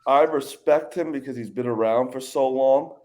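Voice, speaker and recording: Male sports podcast co-host, profane and excitable, keeps interrupting, mid-pitched voice. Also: normal speed. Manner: profane, excitable, cuts in insistently. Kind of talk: casual sports chat.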